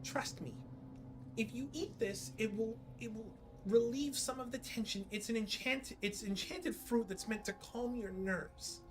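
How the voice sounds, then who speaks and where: A tiny pixie secretary voiced by a woman at a game table, high and sweet. She coaxes and soothes in a gentle, reassuring way, with music underneath. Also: unhurried, close to an everyday voice. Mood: gently reassuring. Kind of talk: character voice in tabletop role-play.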